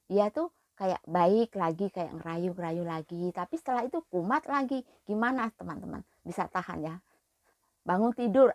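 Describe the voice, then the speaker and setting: A young Indonesian woman working as a domestic helper, telling her story in an emotional, animated way. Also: medium pitch, no room sound. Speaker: domestic worker. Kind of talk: storytelling vlog.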